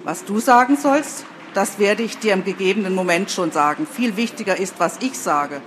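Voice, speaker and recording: A woman's voice: medium pitch, slight background noise, lightly acted. A woman voicing a bossy, self-important young female TV reporter who orders everyone around. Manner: commanding, brisk, self-important.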